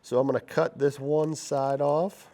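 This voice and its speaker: A man hosting a fishing channel, talking to viewers in a casual, upbeat way. His voice is raspy and stuffed up from congestion. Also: medium pitch, steady tone, a little slow, mellow. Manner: upbeat, chatty, talks straight to viewers. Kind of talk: casual instructional vlog.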